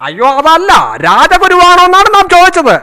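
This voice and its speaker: A pompous, bumbling king, played by a man, speaks in a very high, bright voice. He swings his pitch all over while delivering puns in a comedy skit. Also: sing-song, a little fast. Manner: pompous, punning, exaggerated. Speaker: comic performer playing a king.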